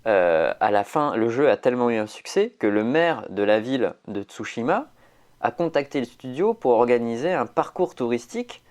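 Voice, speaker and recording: A man's voice: mid-range voice, big pitch swings, moderate pace, a little mellow. A man chatting casually on a podcast, rambling with many fillers and restarts. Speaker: podcast host.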